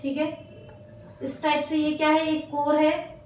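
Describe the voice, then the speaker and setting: High-voiced Indian woman teaching physics, echoey. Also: flat delivery, darkish tone, a little hiss or hum. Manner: dictates English notes slowly, repeating phrases, then explains in Hindi; addresses students as "beta". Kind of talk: classroom lecture, dictating notes. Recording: echoey room from far off.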